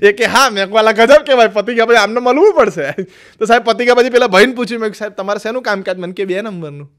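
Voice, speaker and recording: A man's voice: high-pitched, very fast. A man with a Gujarati accent telling jokes as a stand-up comedian, acting out the people in his stories. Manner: animated storyteller acting out quoted voices.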